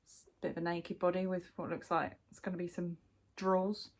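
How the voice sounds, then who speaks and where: Her voice is lowish and her tone level as she moves along fairly quickly, a UK woman giving a laid-back update on her crochet projects. A cold leaves her sounding congested, and her chat is peppered with ums and false starts.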